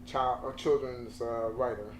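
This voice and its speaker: A man from Virginia, a photographer guest, giving relaxed, short answers in a casual interview in a room with a couch. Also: medium pitch, measured pace, roomy sound, a little hiss or hum. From Virginia, USA.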